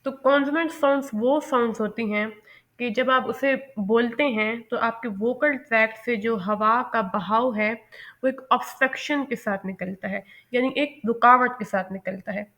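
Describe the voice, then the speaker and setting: Bright-voiced woman teaching pronunciation. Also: fairly high pitch. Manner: explains step by step, with frequent "okay" check-ins; slow, deliberate English terms. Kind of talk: explaining a lesson over slides.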